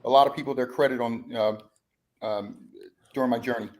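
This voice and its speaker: A man of middle pitch chats easily as a podcast guest, telling stories about music. He rambles, restarts his sentences and leans on fillers. His voice sits right in the everyday middle range for a man. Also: fairly even intonation, fairly quick. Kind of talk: casual podcast chat.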